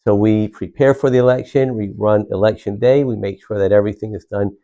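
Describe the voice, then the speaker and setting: In a lowish, mellow voice with fairly even intonation, a middle-aged Puerto Rican county commissioner responds a little fast to interview questions. He's earnest, repeating words and restarting with many "uh"s, and the audio is dull.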